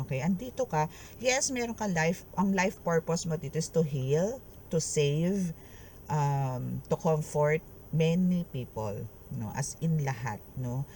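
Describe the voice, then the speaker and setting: A tarot reader, giving a reading in an expressive, chatty way, mixing Tagalog and English and tagging phrases with a questioning "no?". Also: medium pitch, a little hiss or hum. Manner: mixes Tagalog and English, keeps adding "no?" after phrases; expressive, laughing and exclaiming.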